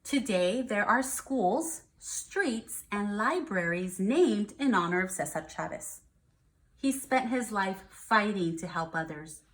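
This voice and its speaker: In an expressive, mid-range voice, a first grade teacher from America reads to a group of young children at a slow pace. Along the way she offers simple explanations and asks them questions to check in.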